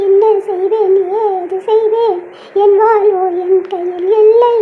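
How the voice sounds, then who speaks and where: Pleading cartoon wife, very high squeaky voice, dull lo-fi sound, voice actor. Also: steady tone, slow pace. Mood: sorrowful singing. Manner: pleading, tearful. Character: young wife torn between husband and parents. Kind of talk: Tamil cartoon voice acting with sung laments.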